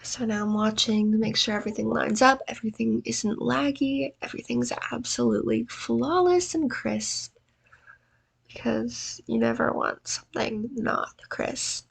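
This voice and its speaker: Her voice is fairly high, gravelly and edged with breathiness, delivered at a measured pace. She's presenting a video editing tutorial, sounding worn out and allergy-congested, keeping it casual and poking fun at herself.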